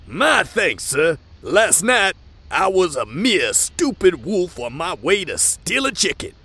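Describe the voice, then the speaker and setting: Sly cartoon wolf, pompous, raspy, high-pitched, slow, theatrical. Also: male voice, sing-song, bright, forceful tone, exaggerated voice. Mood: suavely polite. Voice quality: raspy, gravelly. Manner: pompous, elaborately polite. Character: sly, theatrical talking wolf with grandiose manners. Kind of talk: comic dub cartoon acting.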